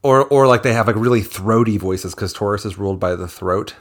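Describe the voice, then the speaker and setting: A musician guest chats casually and animatedly, spinning playful theories. His voice is on the low side and his pace is brisk.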